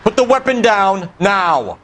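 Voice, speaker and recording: An actor playing a hard-edged 1940s American beat cop who gives commanding orders in a period police game. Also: male voice, high voice, big pitch swings, slow, slight background noise, heavily acted. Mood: commanding, urgent. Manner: commanding, shouts orders at suspects.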